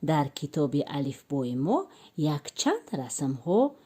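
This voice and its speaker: A Tajik-accented woman teaching an alphabet lesson to young children. Her voice is low and mellow, and she drills syllables slowly in a lively sing-song pitch. Between the drills she explains the lesson in a plain classroom manner. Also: breathy edge.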